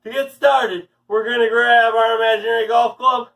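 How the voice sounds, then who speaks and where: High-pitched, overbright man hosting kids' fitness. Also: flat delivery, normal speed, vocal fry, fairly bright tone. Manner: overbright, upbeat kids-party-host delivery. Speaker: kids' fitness teacher and video host. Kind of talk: children's exercise lesson. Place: living room at home, indoors. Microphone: camera several steps away. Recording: distant roomy mic, music behind. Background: guitar music.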